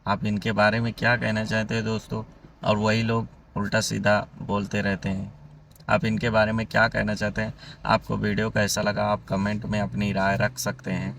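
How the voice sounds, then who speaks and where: A man's voice: on the low side, normal speed, vocal fry, recorded from a distance, slight background noise. A man closing a video for his channel, asking viewers to comment, like and subscribe in a plain, repetitive way. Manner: flat, addresses viewers as friends. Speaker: channel host. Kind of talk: YouTube outro narration.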